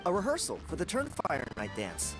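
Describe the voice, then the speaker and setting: Cocky young dancer npc in a game, really swoopy voice, music behind. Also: male voice, fairly high pitch, huge pitch swings, brisk, rough recording. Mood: matter-of-fact. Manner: breezy, self-satisfied. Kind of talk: video game voice acting.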